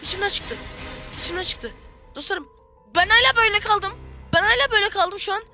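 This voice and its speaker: A young gaming streamer, giving frantic, excited commentary in a squeaky, shrill voice and repeating phrases over and over. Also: fairly quick, soft background music.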